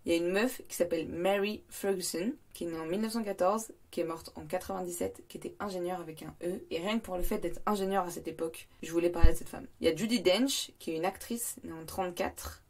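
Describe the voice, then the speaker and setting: A woman's voice: fairly low pitch, fast talker, hardly any pauses. A young French woman hosting a casual travel podcast, chatting informally with slang and fillers. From France. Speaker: podcast host.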